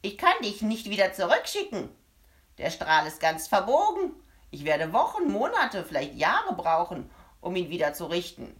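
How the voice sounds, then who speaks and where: Brief: woman doing a nasty little man in a storybook, loud and sneering, swooping pitch. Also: wildly swooping pitch, moderate pace. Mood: shouting angrily. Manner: shouting, sneering, gleeful cruelty. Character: spiteful little man who hates children. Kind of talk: audiobook character voice.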